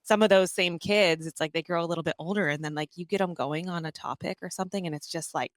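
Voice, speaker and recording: A woman's voice: lowish voice, fast talker, no echo. Chatty woman co-host, dry close sound. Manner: chatty, animated, many "like" fillers. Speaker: podcast co-host. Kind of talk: casual conversational interview.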